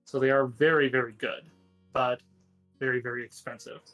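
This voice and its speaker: A man's voice: medium pitch, level tone, normal speed, pushed and bright, faint music behind. A man narrating a tabletop game as game master, explaining things at length and correcting himself as he goes. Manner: rambling, self-correcting explanations.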